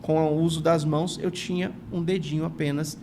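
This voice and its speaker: This São Paulo native in his forties, a retired teacher and writer, recounts his life as an interview guest, earnest and grateful, frequently tacking "não é" onto his sentences. His voice sits a little high with a darkish tone, level and brisk, and he has a São Paulo accent. There's slight background noise.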